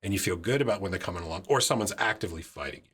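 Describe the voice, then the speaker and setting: A man's voice: sits low, expressive, racing, fairly bright tone, breathy edge. A man hosting a podcast, chatting casually with a friend, often repeating phrases and restarting sentences. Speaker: podcast host.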